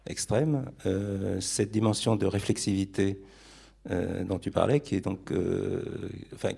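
Low gravelly guy, husky, hesitating a lot on a film panel. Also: fairly even intonation, unhurried, mellow. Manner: hesitant, many fillers. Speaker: filmmaker guest. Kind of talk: panel discussion.

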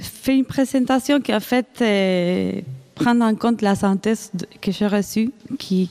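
This woman, an Argentine researcher, gives an academic conference talk in French, her second language, with an Argentine Spanish accent. Her voice is medium-pitched, smooth and a little mellow. She sounds hesitant, restarting often and using many fillers.

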